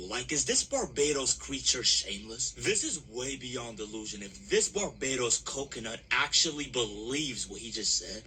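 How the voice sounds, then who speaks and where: A man's voice: medium pitch, bright, forceful tone, a little hiss or hum, poor audio. Mocking male commentary host. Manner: mocking, insulting. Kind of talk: reaction commentary.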